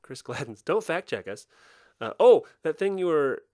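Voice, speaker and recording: A young adult man co-hosting a podcast, joking around in casual commentary over festival footage. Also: on the high side. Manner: joking, animated, quick deadpan gags. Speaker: podcast co-host.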